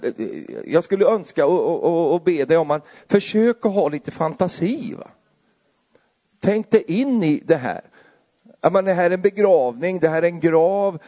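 A man preaches a sermon in a relaxed, conversational way, tossing in questions to his listeners. His voice is mellow and somewhat dark, and it climbs higher and louder as he warms up. The recording sounds slightly dull. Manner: conversational, often adds tag questions, grows louder and higher as he builds.

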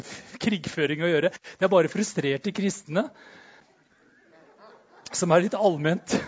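High-voiced guy preaching, goes from quiet mumbling to loud yelling, kinda muffled lo-fi sound. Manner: swings between loud exclamations and soft murmurs, shouts and tongues. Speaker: pastor. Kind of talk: charismatic sermon. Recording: dull lo-fi sound.

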